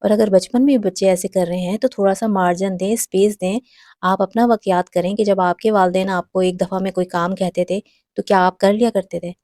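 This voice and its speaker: Warm-voiced woman giving earnest parenting advice. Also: medium pitch, steady tone, no echo, studio quality. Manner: earnest, instructive, addresses viewers directly. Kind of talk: direct advice talk to mothers.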